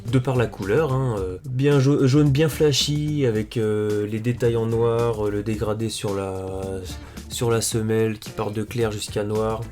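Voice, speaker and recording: A man talking casually as a vlogger, presenting things in a relaxed show-and-tell with frequent fillers and self-corrections. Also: lowish voice, unhurried, soft background music. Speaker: sneaker vlogger.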